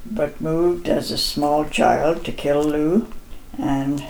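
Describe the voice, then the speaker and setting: A woman in her nineties from Ontario, Canada, recalling her early life in an unhurried, plainspoken way. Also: sits low, fairly even intonation, darkish tone, low-quality recording. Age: 90s. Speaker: interviewee. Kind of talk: reminiscing in an interview.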